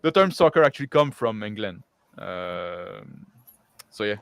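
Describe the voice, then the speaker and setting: A man's voice: lowish voice, big pitch swings, a little slow, vocal fry, fairly bright tone, clean tone, no echo, clean studio sound. A man chatting casually on a live stream, rambling along with lots of filler words and chuckles.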